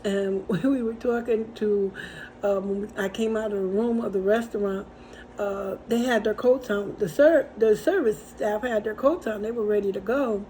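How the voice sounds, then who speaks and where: A woman's voice: mid-range voice, normal speed, mellow, slight background noise, poor audio. A middle-aged woman hosting a casual faith-based encouragement talk, speaking conversationally with repetitions and storytelling asides. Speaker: host and encourager.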